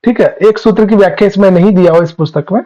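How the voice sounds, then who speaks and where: A man's voice: sits high, rapid-fire, warm tone, lo-fi sound. A man teaching Sanskrit grammar in an online class, patiently quizzing his students and calling them "child". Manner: patient, keeps asking students questions.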